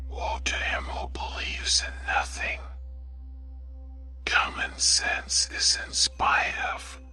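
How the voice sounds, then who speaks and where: A man reading short sayings in a hushed, breathy ASMR whisper, deliberate and measured. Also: very deep voice. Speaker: narrator reading quotations.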